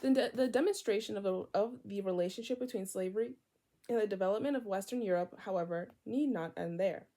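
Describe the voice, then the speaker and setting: A young woman from Virginia, USA, reads a book aloud casually and fast, often slipping into chatty asides and tangents. Her voice is high and frequently loud.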